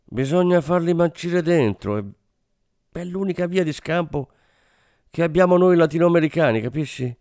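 A drugged, hate-filled smuggler rants in a raised, strained voice, as a male narrator puts him on. He stumbles and repeats himself, bitter and broken, and his tone stays dark. The sound is dry and close. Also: a little high, normal speed, no room sound, voice pushed up, natural voice. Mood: bitter, ranting. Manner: ranting, hateful, broken. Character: drugged, bitter Latin American drug smuggler, man.

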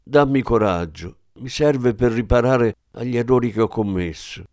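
A man's voice: medium pitch, normal speed, a little mellow, no room sound, clean studio sound, natural voice. A man playing a grief-stricken man mourning his dead love, speaking in an anguished, solemn way. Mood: grieving.

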